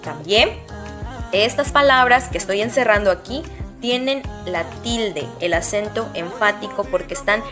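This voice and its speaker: A woman's voice: mid-range voice, expressive, measured pace. A young adult woman with a Mexican accent, a teacher patiently explaining a lesson step by step to her pupils. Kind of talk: classroom lesson. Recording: music playing behind her.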